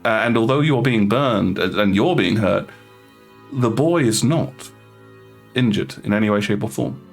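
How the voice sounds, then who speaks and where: A man narrating as game master of a tabletop game, relaxed and halting, with many fillers and restarts. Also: on the low side, soft background music.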